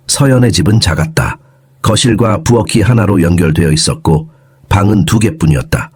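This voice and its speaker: Deep, husky male story narrator. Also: no room sound, clean studio sound. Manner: slow, even, soothing.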